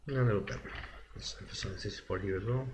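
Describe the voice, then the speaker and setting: A man with a somewhat low voice talks through his work on a live stream, relaxed and loose. He thinks aloud, trailing off and correcting himself often. A faint hiss of background noise sits under the voice. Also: quick pace. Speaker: digital sculpting streamer. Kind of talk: casual live-stream commentary while working.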